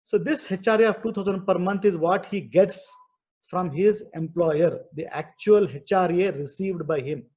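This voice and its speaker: A man's voice: high voice, normal speed, a little mellow. A man with an Indian accent teaching an online class, explaining worked problems step by step in a didactic, repetitive way. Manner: didactic, repetitive, frequently checking with "okay". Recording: dull, muffled video-call audio.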